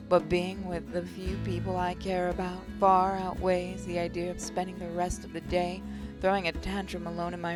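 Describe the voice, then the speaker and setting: On her gaming channel, a woman reads visual novel narration aloud, turning it into expressive first-person storytelling. Her pitch is fairly low.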